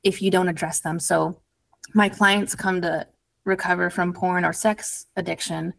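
A woman's voice: fairly low pitch, little pitch movement, a little slow, vocal fry, fairly bright tone. A woman guest on a podcast interview, an addiction recovery coach telling her story earnestly and casually, with lots of "like". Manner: earnest, storytelling, heavy use of "like".

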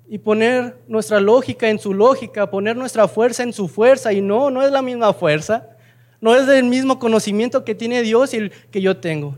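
A young man preaching a sermon in church, telling an illustration story in a lively, animated way. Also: very high voice.

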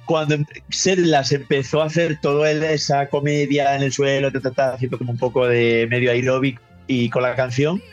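Man, podcast co-host, casual chat, animated storyteller, acts out quotes, mid-pitched voice, light music bed. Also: muffled recording.

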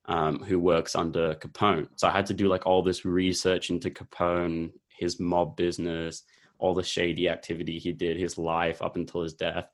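Deep-voiced young man rambling casually. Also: little pitch movement, moderate pace. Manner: rambling, laid-back, heavy use of filler words. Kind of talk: casual chat about films.

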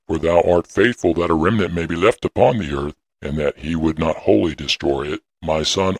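An ancient prophet, speaking in grave, archaic cadences. The voice sits at the very bottom of the range, with a breathy, husky grain. It is recorded close and dry, with no room sound. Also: male voice, dry recording, full character voice. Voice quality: very deep husky voice. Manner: solemn, intoning, archaic prayerful delivery. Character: ancient prophet Enoch, solemn elderly man. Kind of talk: dramatic audio reading.

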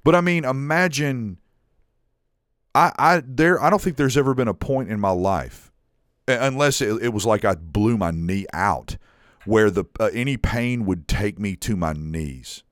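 A podcast co-host with a lowish, slightly slow voice tells a long story in casual conversation, acting out what other people said and swearing now and then. The recording is studio quality with no room sound.

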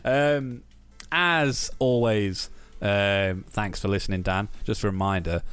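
A man's voice: on the low side, slow pace, fairly bright tone, smooth, faint music behind. A man hosting a podcast in casual chat, with a jokey, chuckly way of talking. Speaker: podcast host.

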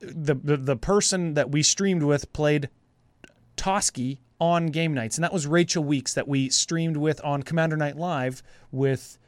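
A man's voice: on the high side, measured pace, no room sound. A man hosting a podcast, telling stories casually and colloquially, swearing and acting out conversations. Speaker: podcast host. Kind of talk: casual chat, animated storytelling.

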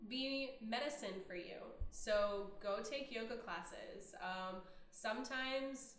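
A woman talking in a gentle, reflective way in a casual podcast chat, pausing often with "um". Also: medium pitch. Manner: reflective, gentle, many "um" pauses. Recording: roomy echo.

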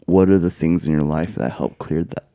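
A man hosting a podcast, asking slow, deliberate interview questions. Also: rumbling low, fairly even intonation, mellow, dry recording, highs cut off. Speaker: podcast host.

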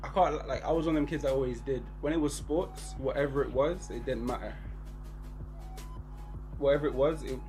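A man in his twenties with a Bristol accent, hosting a casual podcast chat in relaxed slang. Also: medium pitch, a little fast, long pauses, soft background music, poor audio. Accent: Bristol English. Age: 20s. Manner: relaxed slangy talk with lots of "bro" and "innit". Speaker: podcast host.

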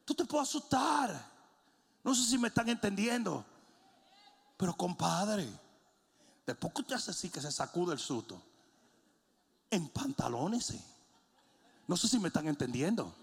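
A middle-aged man preaching a sermon in a large church, telling funny stories and then shouting as he builds. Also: sits high, very animated, moderate pace, creaky, breathy edge. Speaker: pastor. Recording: long hall reverb.

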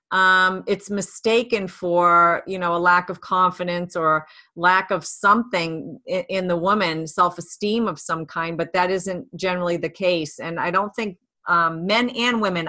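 A woman's voice: fairly low pitch, a little slow, few pauses, sharp tone. A woman interviewing a fighter, often repeating words and restarting sentences as she forms her questions. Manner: hesitant, repeats words while forming questions. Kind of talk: casual interview chat.

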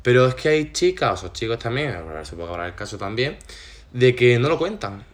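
A young man hosting a podcast, talking things through in a relaxed, reflective way with many asides. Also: mid-range voice, brisk. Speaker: podcast host. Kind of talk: casual chat.

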